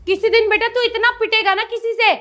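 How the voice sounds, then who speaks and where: A woman's voice: very high-pitched, steady tone, brisk, pushed and bright. A young woman playing a bossy, exasperated older sister in a comedy sketch. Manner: scolding, exasperated. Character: bossy older sister, bickering with her brother. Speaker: vlogger.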